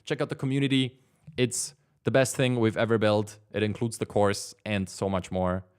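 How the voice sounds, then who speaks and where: A young man in his twenties hosts a casual livestream from his home studio desk, answering chat in a rambling way packed with fillers and plenty of "like." His voice sits on the low side and sounds smooth, with a flat delivery at a moderate pace.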